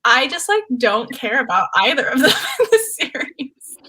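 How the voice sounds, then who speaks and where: A woman chats over a video call, her voice high and bright. She talks loosely and quickly, stringing thoughts together with "like". It is relaxed stream banter between friends. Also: slightly rough. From Canada. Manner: chatty, leans heavily on "like". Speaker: co-host of a reading stream. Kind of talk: casual chat on a live stream.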